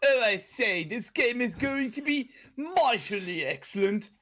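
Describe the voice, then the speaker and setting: A man's voice: extremely high pitch, expressive, a little slow, crowd noise, voice pushed up. An Irishman putting on a posh English gent. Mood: pompous. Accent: mock upper-class British. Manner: exaggerated, lilting and theatrical. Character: posh, fussy English gentleman, adult male.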